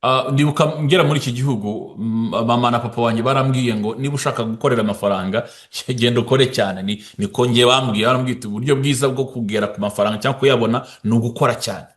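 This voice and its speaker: A man with a medium pitch speaks and interprets, talking fast and frequently stopping to restart his words.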